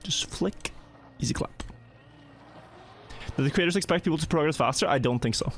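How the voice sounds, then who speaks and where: Slightly high-voiced male streamer. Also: a little hiss or hum. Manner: talks in quick bursts with repeated words. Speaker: streamer host. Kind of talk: casual live-stream chat while gaming.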